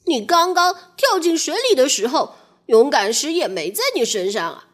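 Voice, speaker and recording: A lively little monkey chatters in a quick, upbeat, raised voice, as a woman plays it for a children's storybook. It sounds playful and full of energy. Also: high voice, voice pushed up.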